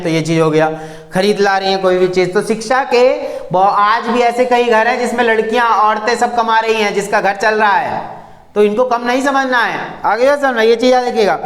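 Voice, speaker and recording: A man's voice: high voice, steady tone, normal speed, a bit bright. A male teacher explaining a textbook lesson. He reads lines from the book, restates them in plain words and gives students firm, direct advice. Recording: echoey room.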